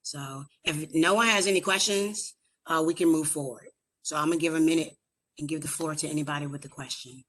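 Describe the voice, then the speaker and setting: Woman host, low pitch, casual moderator who trips over titles. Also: fairly quick, a bit bright. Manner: conversational, stumbling over names and titles, many uhs. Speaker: veterans roundtable host. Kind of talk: virtual meeting moderation.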